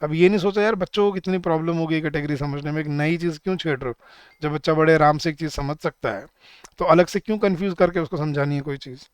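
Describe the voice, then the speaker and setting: A young man with an Indian accent teaching an online grammar lesson, chatty, calling viewers guys and slowing down for example sentences. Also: fairly high pitch, smooth, no room sound, clean studio sound. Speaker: English teacher.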